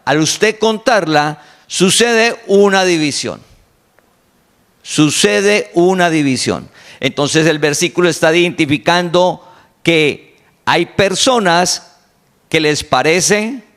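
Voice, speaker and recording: A man preaching a sermon to his congregation, repeating key phrases slowly for emphasis. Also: high-pitched, a bit bright. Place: online congregation meeting.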